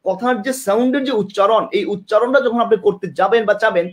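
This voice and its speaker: In a classroom with a board, a high-pitched, fast-speaking man leads an online exam-prep class, caught on a camera mic. He repeats often, questions his students, and demonstrates with tongue and lips.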